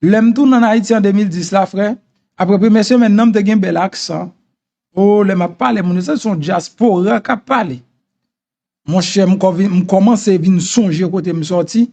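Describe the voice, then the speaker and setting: A middle-aged Haitian Creole-accented man speaks in a notably high voice. He hosts a casual commentary monologue, repeating his points insistently as he gives advice. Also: moderate pace, creaky, darkish tone. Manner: repetitive, insistent advice-giving. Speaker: host.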